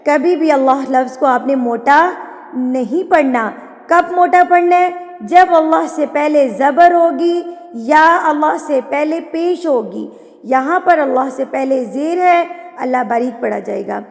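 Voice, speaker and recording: A woman teaching Quran recitation, chanting words slowly and then explaining patiently with repeated corrections. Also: sits high, a little mellow, long reverb tail. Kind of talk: online tajweed lesson, explaining between recited words.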